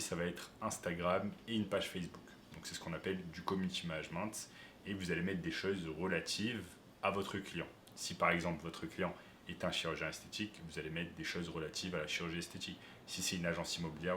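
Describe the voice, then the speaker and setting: A man's voice: low voice, level tone, quick pace, a bit bright, roomy sound, slight background noise. A man who coaches online business, explaining step by step to viewers during a screen-share tutorial.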